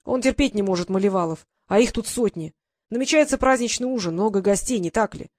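A woman's voice: medium pitch, fairly quick, darkish tone, no echo, studio quality, natural voice. A woman voicing a mocking, impatient teenage boy with a brusque, sarcastic manner.

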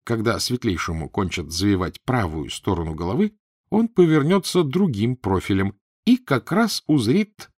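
A man narrating an audiobook in an expressive storytelling manner. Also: fairly low pitch, no room sound, clean studio sound.

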